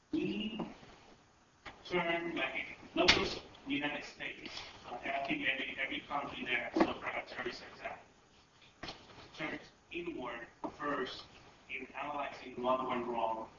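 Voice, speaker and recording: Heavy reverberation surrounds a man speaking from well away from the microphone. His voice is hoarse and raspy with a cold as he delivers measured, halting panel remarks. Clear noise sits behind him. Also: medium pitch. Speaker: panel speaker, policy advisor. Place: echoey indoor event room. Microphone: distant microphone. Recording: distant, very echoey, dull, noisy room recording.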